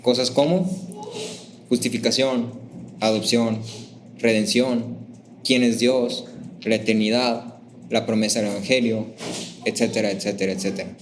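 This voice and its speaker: A man leading a church class at a middle pitch, talking easily and asking his listeners questions. He breaks into higher, livelier voices to act out things people say. A faint hiss sits under his voice. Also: unhurried, pauses often. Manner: lively, acts out sample phrases in raised voices; conversational, asks the class questions.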